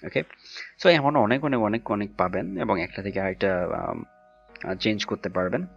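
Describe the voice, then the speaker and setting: Gravelly low-voiced male teacher. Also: moderate pace. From Bangladesh. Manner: reads word lists aloud, many fillers. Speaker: English teacher. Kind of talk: online lesson in Bengali mixed with English. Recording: dull lo-fi recording with faint music.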